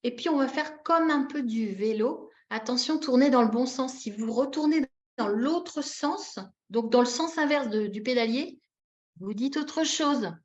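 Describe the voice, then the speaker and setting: Animated woman teaching signs. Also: sits high, a little slow. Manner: animated and demonstrative, repeats key words; acts out short example phrases with expressive intonation. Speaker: webinar trainer teaching baby signs. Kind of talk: live teaching demonstration. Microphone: video call. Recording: dull lo-fi webinar audio.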